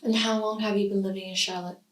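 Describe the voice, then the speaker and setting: A woman's voice: mid-range voice, flat delivery. Young woman asking interview questions, kinda far off the mic, echoey. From Iraq. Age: young adult. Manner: reads a scripted intro, then asks measured questions. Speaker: student interviewer. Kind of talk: oral history interview. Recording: roomy sound from a distant mic.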